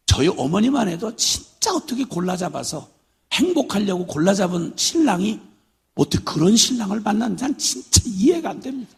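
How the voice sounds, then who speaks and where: A man's voice: on the high side, creaky, husky. An older man preaching a sermon as a missionary, telling stories with humor and acting out voices. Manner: storytelling with humor, acting out his father's drunken shouts.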